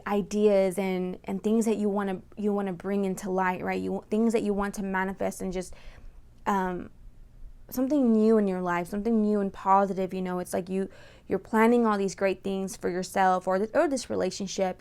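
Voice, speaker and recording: In a mid-range voice with vocal fry, a woman who hosts a tarot channel chats through a casual reading, speaking close to the mic. Her manner is informal and talkative, often checking in with "right?" and "you know."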